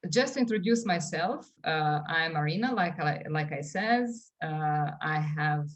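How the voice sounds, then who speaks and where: A woman's voice: deep voice, animated, unhurried. A woman in her forties with a Serbian accent, a wellness coach talking earnestly as a podcast guest with many fillers and restarts. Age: 40s. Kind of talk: conversational podcast interview.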